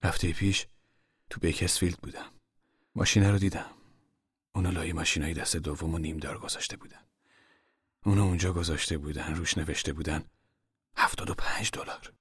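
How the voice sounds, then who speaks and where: A man voicing a young grown son who speaks quietly and in a subdued way. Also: on the low side, dry recording, studio quality, voice pushed up, close to an everyday voice.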